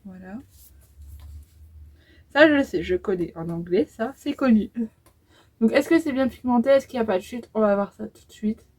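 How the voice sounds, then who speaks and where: A woman's voice: on the high side, moderate pace, pauses often, a little mellow, low-quality recording. A woman in her twenties talking through a makeup tutorial in a casual, hesitant way, with many fillers as she applies eyeshadow. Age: 20s. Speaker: beauty vlogger.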